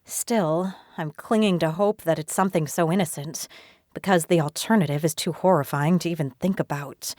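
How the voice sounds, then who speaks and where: A woman narrating a romance audiobook in the first person in a steady, even reading voice. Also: low-pitched, normal speed, no room sound, studio quality.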